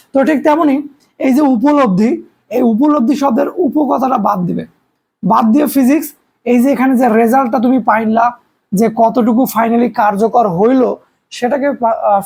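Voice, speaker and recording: A man's voice: extremely high pitch, creaky, darkish tone, slightly rough. A young man from Bangladesh giving a recorded physics lecture, explaining step by step with everyday examples and rhetorical questions. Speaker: physics teacher.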